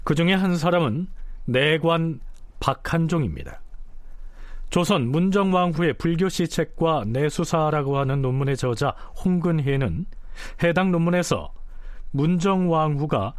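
A man explaining history in a measured lecture style, often posing questions to his listeners. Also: a little high, animated, no echo.

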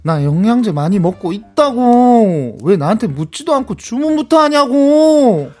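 A man's voice: extremely high pitch, very animated, a little slow, warm tone, heavily acted. A put-upon younger sibling who keeps complaining and pushing back, voiced by a man. The voice swoops widely as it protests. Faint music plays behind this radio skit. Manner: whiny, protesting.

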